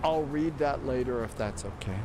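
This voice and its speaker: A man at medium pitch and moderate pace hosts a flight-sim livestream, casually rambling and reading comments from viewers as he thinks aloud. Background music comes through clearly.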